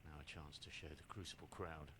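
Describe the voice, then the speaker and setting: A man giving measured live snooker commentary in short phrases, with pauses between them. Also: extremely low pitch, fairly even intonation, background noise.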